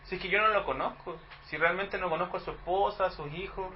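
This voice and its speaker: A man's voice: high voice, fast, muffled recording, slight background noise. A Chilean man preaching a sermon in a conversational teaching manner, asking the congregation rhetorical questions. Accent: Chilean Spanish. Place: church hall.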